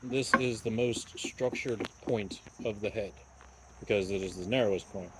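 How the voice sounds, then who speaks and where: A man in his thirties giving a casual, halting how-to vlog outdoors in a backyard, often pausing and correcting himself. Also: on the low side. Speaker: javelin repairer presenting a video. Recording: clear outdoor noise, insects and ambience.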